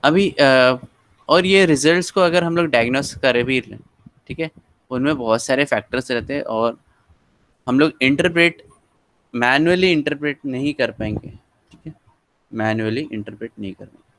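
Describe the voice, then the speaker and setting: A man's voice: mid-range voice, moderate pace, pauses often, fairly bright tone, no echo, rough recording. A man teaching genetics, checking in often with his listeners. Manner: explanatory, frequent "theek hai" check-ins. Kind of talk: casual lecture mixing Hindi and English.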